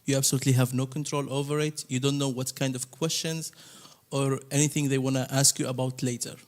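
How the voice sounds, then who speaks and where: A man's voice: medium pitch, flat delivery, fairly quick. A man speaking earnestly on a panel, with slightly broken phrasing. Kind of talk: panel discussion.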